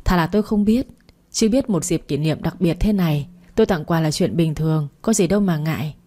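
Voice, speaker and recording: A woman reading the lines of a kind, teasing young male company chairman in a storybook, in a relaxed, playful way. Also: low voice, a little fast. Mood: warm.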